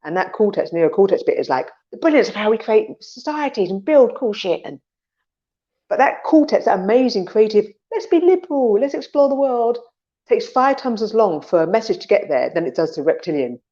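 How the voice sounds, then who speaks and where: A woman's voice: medium pitch, lively intonation, a little fast, warm tone, highs cut off. A woman co-hosting a casual podcast chat, talking animatedly and acting out her inner voices, with some swearing. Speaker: podcast co-host.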